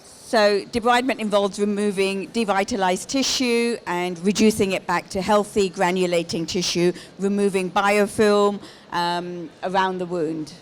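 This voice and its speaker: A woman's voice: medium pitch, fairly even intonation, unhurried. A middle-aged woman giving a live presentation on a handheld microphone as a lead clinician. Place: exhibition stand in a large busy indoor hall. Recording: live hall with clear background noise.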